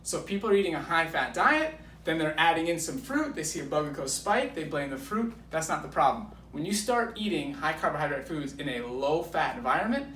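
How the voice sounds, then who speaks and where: Brisk, with few pauses, a man in his thirties explains as a guest coach in a filmed conversation, his high-leaning voice pushed and bright with lively intonation. He is enthusiastic and emphatic, driving points home, recorded far from the mic amid echo and background noise.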